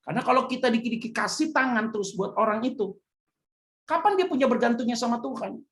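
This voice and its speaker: A woman pastor, preaching a sermon that swings from hushed to loud emphasis. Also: fairly high pitch, brisk.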